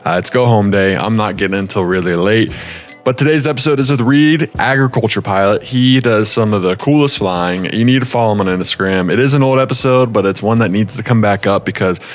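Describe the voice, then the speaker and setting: A man hosting a podcast in a casual way while out of breath from high altitude and walking around. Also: fairly quick, soft background music. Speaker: podcast host.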